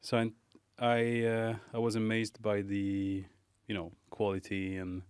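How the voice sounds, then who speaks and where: A man from Morocco, a pastry chef guest in a casual interview, speaking thoughtfully with many pauses and fillers. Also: lowish voice, completely flat delivery, a little mellow, clean tone, no echo, clean studio sound.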